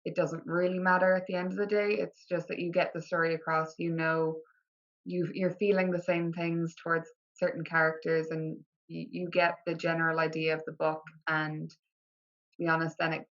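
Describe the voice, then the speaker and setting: A woman with an Irish accent chatting informally as an interview guest, often softening what she says with "kinda" and "like". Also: low voice, level tone, moderate pace, muffled recording. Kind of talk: casual interview conversation.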